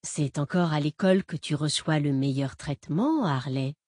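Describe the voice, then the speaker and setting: A woman voicing a soft, patronizing fake father. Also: low voice, normal speed, dry recording, studio quality. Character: calm condescending impostor father, adult man.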